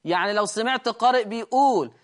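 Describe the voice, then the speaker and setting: A man with an Egyptian accent teaches Quran recitation in a high, light voice. He explains each rule in plain speech, then slows down to chant examples that show it. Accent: Egyptian Arabic. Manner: explains rules and demonstrates by chanting examples slowly. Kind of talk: recitation lesson.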